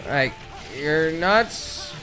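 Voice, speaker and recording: A man's voice: fairly high pitch, wildly swooping pitch, extremely slow, music in the background. A man giving casual, self-deprecating commentary while he plays a video game, muttering at the game as he goes. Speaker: let's play gamer.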